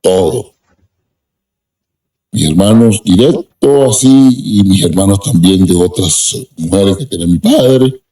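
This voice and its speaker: A man's voice: sits low, lively intonation, a little slow, dark tone, low-quality recording. A man giving a personal testimony in an interview, emphatic and repeating words for stress. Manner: repetitive and emphatic. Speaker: interview guest.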